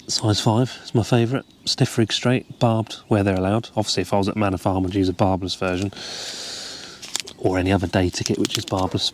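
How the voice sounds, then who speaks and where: Seated over a tackle box outdoors by the water, a carp angler calmly demonstrates how to tie a fishing rig in a casual, step-by-step tutorial. He explains each step in a relaxed way as he ties, his voice fairly low, with a little hiss or hum on the recording.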